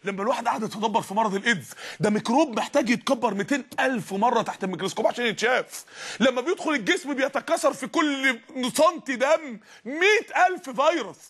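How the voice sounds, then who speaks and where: A man preaching a sermon with an Egyptian accent, emphatic and full of rhetorical questions that rise to shouts. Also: extremely high pitch, fast, slightly rough. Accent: Egyptian Arabic.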